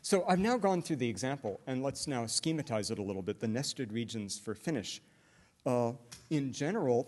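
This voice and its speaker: Explaining step by step through examples, a middle-aged linguistics lecturer addresses an academic conference in a darkish, medium-pitched voice. He is tentative, often stalling on "uh" and beginning sentences again.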